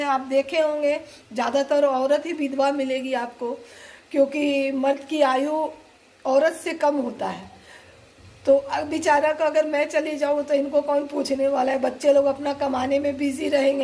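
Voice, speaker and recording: A woman's voice: high voice, a little mellow, slight background noise. A middle-aged woman vlogger with a cold and fever, chatting and telling a rambling story to her viewers as friends. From eastern India. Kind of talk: casual storytelling to camera.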